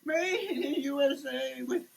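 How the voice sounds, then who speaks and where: Someone with a high, somewhat slow voice and a touch of vocal fry performs label text as a comic dramatic reading, alternating theatrical proclamations with mumbled asides. Getting drenched indoors in a shower, they choke, cough and gasp, all over the noise of running water.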